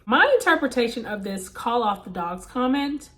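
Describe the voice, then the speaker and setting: A woman vlogger casually retelling a story, animated and emphatic, with asides to her viewers. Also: on the high side, moderate pace, background noise.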